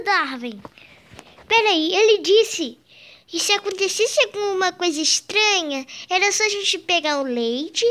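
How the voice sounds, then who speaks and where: A young man voicing Darwin, a gentle cartoon fish boy turned into a baby, speaking eagerly and explaining things in a Minecraft role-play. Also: very high-pitched, exaggerated voice.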